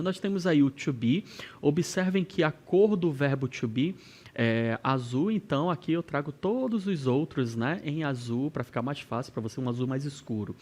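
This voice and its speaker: A Brazilian man teaching English in a recorded school lesson. His voice rises and falls in a lively way, sitting a bit higher than most men's, and he speaks slowly and deliberately, drawing out each example question so students can follow. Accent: Brazilian Portuguese. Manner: slow, carefully enunciated English examples.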